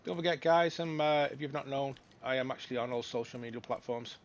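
A male gaming streamer giving live gameplay commentary, shouting excitedly in fights and chatty when things are calm. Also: mid-range voice, brisk, dull audio, slight background noise.

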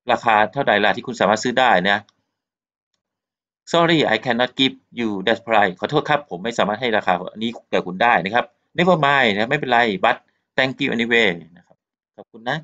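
A man's voice: mid-range voice, measured pace, sharp tone. A man from Thailand with a Thai accent teaching an English lesson, repeating polite particles and mixing Thai and English explanations. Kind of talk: recorded textbook lesson. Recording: muffled lo-fi recording.

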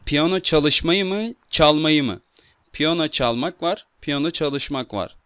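A young man with a Turkish accent works as a language tutor, explaining and correcting in simple non-native English. His voice is bright and very clean, recorded close and dry with little room sound. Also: a little high, a little slow, smooth, dry recording. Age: 20s. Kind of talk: teaching conversation, correcting and explaining.

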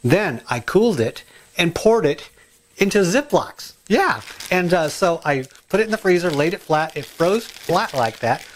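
A middle-aged man with a slightly high voice talks to the camera in his home kitchen. He rambles from one aside to the next, excitable and full of ums. The sound comes from a camera mic set a little way off. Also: a little slow, slight background noise. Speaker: home cooking and gardening vlogger. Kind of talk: casual chatty kitchen vlog.

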